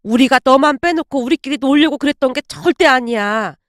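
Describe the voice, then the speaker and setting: A woman reads an older Korean-drama mother-in-law, pitched lower and pushed louder than the narration, slow and insistent. The recording is close and dry. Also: dry recording, natural voice. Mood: pleading. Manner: scolding, then pleading and slow. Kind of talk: storybook drama reading.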